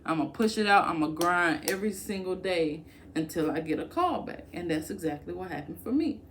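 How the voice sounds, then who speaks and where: A woman vlogger speaks straight to her viewers in a slightly low voice, punching her points with blunt, colloquial emphasis. She sounds candid and a little preachy as she lays out advice. A faint room ambience sits behind her. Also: animated, fairly quick, a bit bright, a little hiss or hum. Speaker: work-from-home advice vlogger. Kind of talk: casual direct-to-camera advice.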